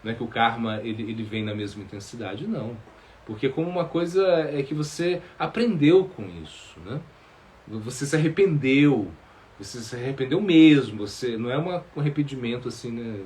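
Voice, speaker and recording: Male spiritual teacher, mid-pitched voice, halting answers, lots of fillers. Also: lively intonation, a little mellow. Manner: halting, many fillers and repeated words. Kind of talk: sermon answering questions.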